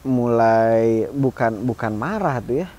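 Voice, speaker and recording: A man, co-hosting a casual podcast chat and agreeing quickly while explaining loosely. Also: mid-range voice, lively intonation, mellow, lo-fi sound.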